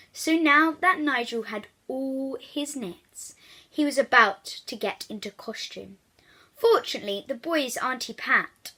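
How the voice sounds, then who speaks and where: Reading a children's storybook aloud, a woman uses a high, very bright voice. She's animated and expressive, addressing her young listeners directly as she reads.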